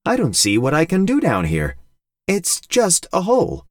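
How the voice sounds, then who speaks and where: A man voicing a small, cheerful male robot who talks in a gentle, thoughtful way, a little higher than his own voice. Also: wildly swooping pitch, moderate pace, no room sound, studio quality. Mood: earnest.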